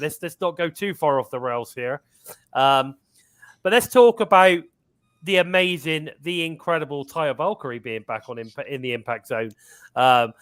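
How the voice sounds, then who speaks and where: With a cough that won't quite go away, a man hosts a live-stream talk show in a cheerful, talkative way, using long drawn-out fillers. His voice runs fairly high and fairly bright.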